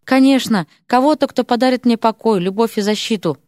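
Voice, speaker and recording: Woman reader doing a high, flattering young male mage, storybook suitor. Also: fairly quick, no echo, studio quality, lightly acted. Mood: pleading, gushing. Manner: earnest, pleading, gushing.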